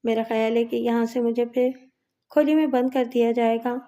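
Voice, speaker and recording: A woman narrating a story in a steady, measured way. Her voice sits somewhat high with a warm, mellow tone.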